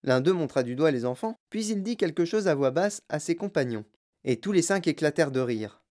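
A woman reads a children's story aloud with a lively, expressive lilt. Her voice is lowish and mellow. The storytelling stays engaging throughout. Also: brisk. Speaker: narrator. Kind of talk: audiobook reading.

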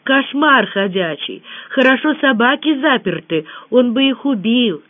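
An audiobook reader voicing a loud, excitable teenage girl who exclaims and argues, over a tinny phone-like sound. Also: mid-range voice, unhurried, no echo, voice pushed up. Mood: excited.

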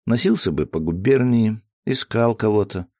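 A man reading a first-person story aloud in steady, measured scripted narration. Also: lowish voice, no echo, studio quality. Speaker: audiobook narrator.

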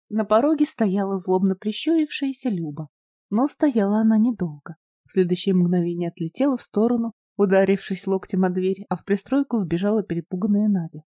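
A woman narrating an audiobook in a measured, expressive way. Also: mid-range voice, dry recording, clean studio sound. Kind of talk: scripted narration.

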